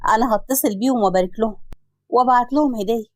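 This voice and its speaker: A woman's voice: fairly high pitch, very fast, darkish tone, dry recording, studio quality, lightly acted. Egyptian woman voicing a wronged generous sister. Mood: warm. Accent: Egyptian Arabic. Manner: emotional, pleading, indignant.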